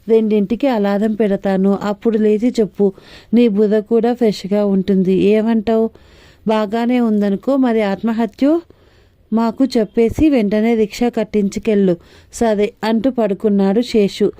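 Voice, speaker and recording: A woman's voice: mid-range voice, dark tone, no echo. A woman reading a comic short story aloud, acting out the dialogue of several young men.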